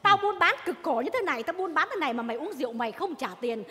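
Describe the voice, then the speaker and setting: A high, bright voice fires off scolding tirades at a rapid clip a feisty, foul-mouthed wine seller. It rings out in a long-reverb stage hall with faint noise behind. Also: female voice, animated. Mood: cursing tirade. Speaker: comic stage actress. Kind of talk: stage comedy sketch. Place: theater stage.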